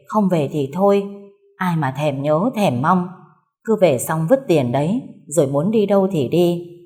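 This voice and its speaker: A woman storyteller giving calm, expressive scripted audiobook narration. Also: low-pitched. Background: faint music.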